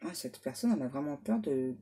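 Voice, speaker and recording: A woman medium with a very deep, husky voice gives her viewers a relaxed tarot reading, unhurried and reassuring. She tacks little "hein" and "ouais" asides onto her sentences and reads the English card names aloud.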